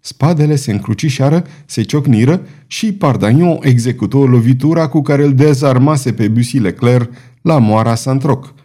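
Narator bărbat cu voce caldă și expresivă. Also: male voice, medium pitch. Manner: expressive, dramatic storytelling. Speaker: narrator. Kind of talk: audiobook narration.

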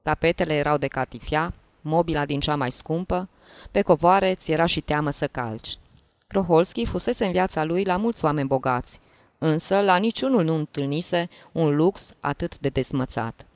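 A narrator reads a classic story in a measured, even voice. The pitch sits in a middle range. The recording is dry and close. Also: dry recording.

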